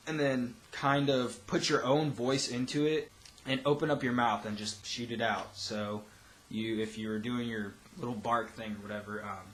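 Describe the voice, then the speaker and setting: A man's voice: medium pitch, steady tone, moderate pace, fairly bright tone. A young man giving a casual, loosely rambling tutorial as a vocal instructor. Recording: roomy echo, faint background noise.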